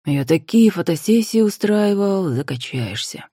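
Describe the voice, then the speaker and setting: A woman's voice: mid-range voice, lively intonation, unhurried, dark tone, slightly rough, no room sound, clean studio sound. A woman voicing the ghost of a young man who talks in a casual, slangy, eager way for an audiobook. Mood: lively. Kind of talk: audiobook character voice.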